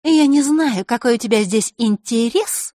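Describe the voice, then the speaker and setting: A woman's voice: expressive, a little slow, dry recording, clean studio sound. Sly taunting teen girl Marishka, voiced by a woman. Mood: mocking. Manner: sing-song, taunting, loud and high. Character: sly mocking teenage girl, sweetly scheming archer. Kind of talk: audiobook character reading.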